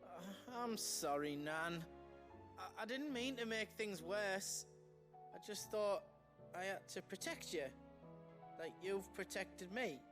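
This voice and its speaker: An actor playing a gentle, loyal young man in a video game, earnest and a little hesitant. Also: sits high, takes it slowly. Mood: sheepish apology. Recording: music behind the voice.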